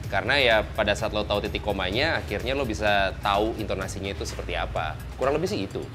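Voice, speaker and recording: Relaxed slangy male voice talent. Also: fairly low pitch, quick pace, music in the background. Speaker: voice over talent. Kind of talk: casual interview.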